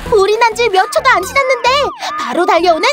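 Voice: very high-pitched, expressive, fast. A cartoon intro announcer narrating a children's show in a playful, exclamatory presenter's manner. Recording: music behind the voice. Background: music.

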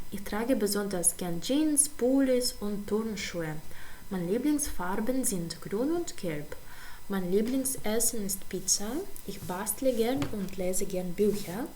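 A woman with a Ukrainian accent teaching German to pupils, reading textbook sentences slowly and translating them into Ukrainian. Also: mid-range voice, darkish tone, slight background noise. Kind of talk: slow textbook walkthrough for pupils.

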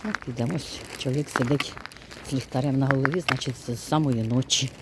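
A woman's voice: rumbling low, fairly even intonation, fast talker. Woman rambling to her viewers outside, chatty, noisy outdoor recording. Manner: chatty, talks to viewers while walking. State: out of breath. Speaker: vlogger. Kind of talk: casual vlog commentary. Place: outdoors on a frozen lake.

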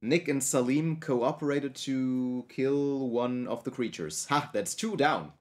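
A man's voice: mid-range voice, slow pace, a little mellow. A man giving let's play commentary on a video game, reacting as he goes. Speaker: gaming YouTuber.

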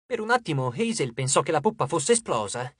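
An audiobook narrator giving a lively, dramatic scripted reading on a close studio mic. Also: medium pitch, brisk, husky, no echo.

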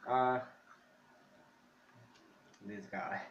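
A man's voice: lowish voice, steady tone, drawn-out words. Blunt, swearing man on a dull lo-fi mic. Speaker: co-player. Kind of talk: casual gameplay chat. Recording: dull lo-fi mic with faint noise.

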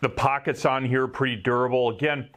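A man's voice: medium pitch, fairly even intonation, brisk, fairly bright tone. A man with a Wisconsin accent, a welder casually reviewing work gear in a rambling, self-mocking way. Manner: rambling, offhand, self-mocking, with some swearing.

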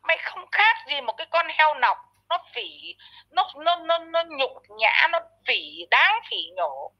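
A woman with a high voice rants in a commentary video, heaping harsh insults and tripping over repeated words as she scolds. The audio is dull and lo-fi. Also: lively intonation, measured pace. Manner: frequent stammered repeats. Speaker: online commentator. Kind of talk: ranting commentary vlog.

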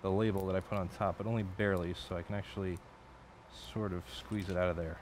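Low, flat and darkish in tone, this adult man speaks quickly over slight background noise. Late at night at his home workbench, the electronics hobbyist streamer builds a project while talking casually, cursing, rambling and correcting himself.

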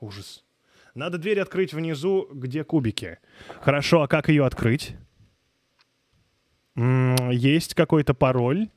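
A man's voice: mid-range voice, animated, measured pace, long pauses, a little mellow, slight background noise. A man live streaming a game into a close microphone, commenting informally, muttering in puzzlement, swearing and chatting with viewers. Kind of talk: casual gaming live stream commentary, reading and answering chat.

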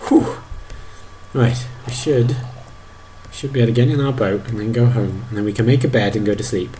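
A man in his thirties narrating a video game to his toddler, animated, exclaiming and making playful sound effects. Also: fairly low pitch, normal speed, a little hiss or hum. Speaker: parent playing a video game.

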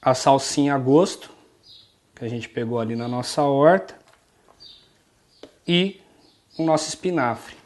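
A man's voice: medium pitch, measured pace, long pauses. A man in his thirties with an interior São Paulo Brazilian accent, casually walking viewers through a recipe in a home kitchen. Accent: Brazilian Portuguese, São Paulo interior. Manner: relaxed, chatty, keeps addressing viewers. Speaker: cooking show host. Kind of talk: casual cooking demonstration. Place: home kitchen and outdoor street market.

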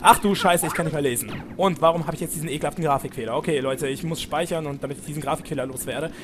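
A man's voice: a little high, rapid-fire, noisy background. A young man giving casual, chatty game commentary, swearing now and then and talking to his viewers. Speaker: let's play commentator. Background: game music.

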